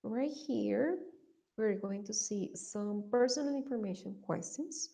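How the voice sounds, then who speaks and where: Woman teaching English, gravelly and dark. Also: medium pitch. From Colombia. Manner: switches between English and Spanish, slow modelled example answers. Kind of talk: bilingual online language lesson.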